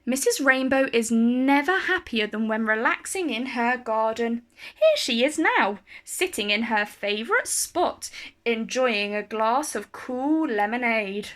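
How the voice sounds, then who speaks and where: Reading a children's picture book aloud, a woman uses an expressive storytelling style with carefully shaped phrasing. Her pitch is fairly high and she takes her time.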